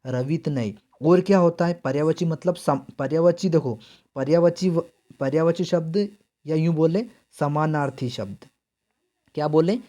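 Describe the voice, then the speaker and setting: A slightly high-pitched young man teaches an exam-prep lesson. He asks his students quick questions and answers them himself, and he stretches out key words slowly so they stick. His delivery is chatty and informal. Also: mellow. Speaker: Hindi teacher.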